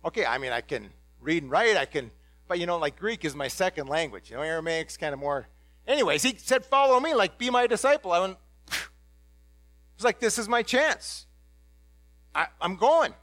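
A man speaking as the apostle Peter, a blunt, ordinary fisherman, telling his story to a church congregation in a rambling, halting, casual way full of restarts. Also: sits high, no room sound. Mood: chatty. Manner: excitable, blurting. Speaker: dramatic first-person preacher. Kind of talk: first-person biblical monologue to a congregation.

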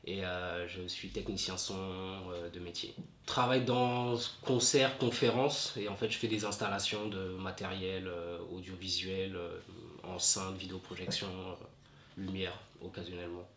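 A man in his thirties from Martinique, a sound technician calmly recounting his experience with many pauses and fillers, his voice trailing off softly. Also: deep voice. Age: 30s. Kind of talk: testimony to camera. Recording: echoey room with faint noise.

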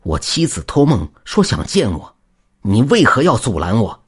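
A man voicing a grieving young husband in an audio story, talking loudly and agitatedly. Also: mid-range voice, wildly swooping pitch, moderate pace, breathy edge, full character voice. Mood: angry. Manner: loud and agitated. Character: desperate young husband, grieving and hot-headed.

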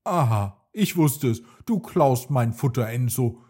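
A man's voice: mid-range voice, big pitch swings, moderate pace, darkish tone, slightly rough. A man voicing a curious, playful young male cat in a bedtime story, speaking with feeling. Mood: indignant. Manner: indignant, then forgiving.

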